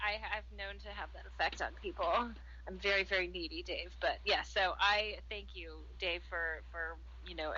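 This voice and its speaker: Bright-voiced effusive woman radio host. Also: low voice, lo-fi sound, slight background noise. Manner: effusive, enthusiastic, rambling. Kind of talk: casual radio chat.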